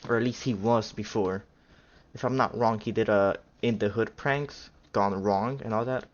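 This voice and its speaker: A man's voice: lowish voice, steady tone, normal speed, lo-fi sound. A man reacting to a video in casual, rambling talk, full of fillers and second-guessing himself. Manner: rambling, unsure, full of fillers and self-corrections. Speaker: reaction streamer.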